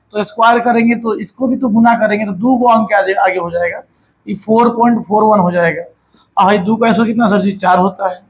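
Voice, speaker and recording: A man's voice: high voice, poor audio. A man teaching a maths lesson, chatty and scolding, mixing jokes and snatches of song into his explanations. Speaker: maths tutor.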